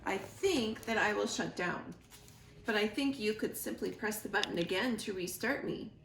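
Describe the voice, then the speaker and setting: A woman voicing a gentle, motherly female robot with measured, formal phrasing in a storybook reading. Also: medium pitch, vocal fry, reverberant, a little hiss or hum, rough recording. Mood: matter-of-fact.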